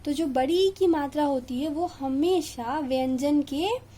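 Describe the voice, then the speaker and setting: A woman's voice: high voice, measured pace, warm tone. A young woman teaching a kindergarten Hindi lesson, stretching out and stressing each syllable for small children. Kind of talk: slow classroom video lesson.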